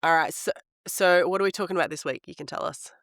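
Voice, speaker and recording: A man hoarse from a head cold, with a smoker's rasp, chatting casually and informally as a podcast co-host. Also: high-pitched, fast, a bit bright, no echo, studio quality. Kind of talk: casual chat about books.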